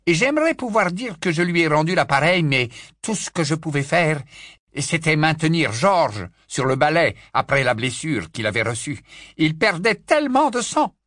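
Man voicing an earnest, tense wizard in a storybook, raised and urgent, lively pitch, dry. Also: normal speed, no echo. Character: tense middle-aged male wizard, earnest. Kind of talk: audiobook character reading.

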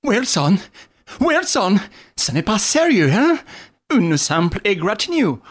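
A man voicing an agitated, proud male detective who cries out in a high, strained voice. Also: very animated, moderate pace, a bit bright. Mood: alarmed.

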